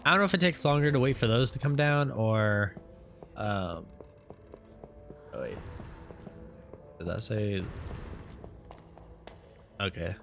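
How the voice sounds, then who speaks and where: A man's voice: lowish voice, slow pace, vocal fry, long pauses, fairly bright tone, faint music behind. A man casually commentating his video game playthrough, rambling and tripping over his words, then joking about it. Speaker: let's play host.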